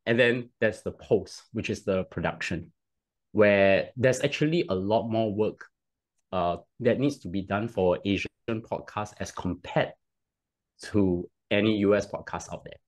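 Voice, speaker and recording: Speaking fairly low and a little slowly, this Singaporean-accented man in his thirties gives long explanations as a podcast guest. He's on a headset video call from a home room, and the talk is casual interview chat. He frequently starts over and adds "right?".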